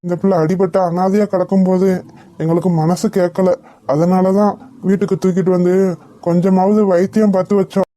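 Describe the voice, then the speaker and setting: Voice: mid-range voice, level tone, a little fast, mellow, dry recording, lightly acted. A voice actor playing a modest, good-hearted husband in a cartoon who speaks reassuringly. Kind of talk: cartoon voice acting.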